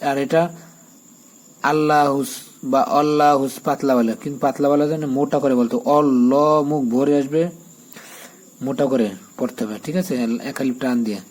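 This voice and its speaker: A man teaching Quran reading who spells out each letter and vowel mark, then chants each verse slowly and drawn-out, often pausing to check that the learner follows. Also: mid-range voice, steady tone, a little mellow, poor audio. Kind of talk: step-by-step Quran recitation lesson.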